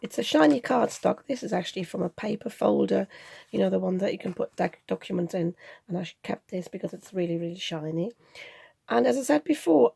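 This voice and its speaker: A woman with a croaky, cold-roughened voice that sounds very gravelly and husky. She chats through a crafting tutorial, thinking aloud as she goes. Her tone is dark and mellow, recorded close and dry. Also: medium pitch, dry recording. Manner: chatty, thinks aloud while working. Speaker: card-making channel host.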